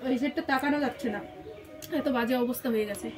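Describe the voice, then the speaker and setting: A woman's voice: sits high, fast. A woman vlogger chatting casually as she shows viewers around her small tin-roofed home and tidies it up. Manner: drops to a hushed voice while the children sleep. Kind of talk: casual home vlog narration.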